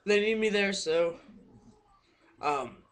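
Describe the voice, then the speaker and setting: A teenage boy gives casual advice into a webcam at home, and his voice sits a little high. He rambles, backtracks and apologizes as he talks, slightly out of breath. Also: slow, fairly bright tone. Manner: rambling, self-correcting, apologetic. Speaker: paintball vlogger. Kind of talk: casual webcam tips talk.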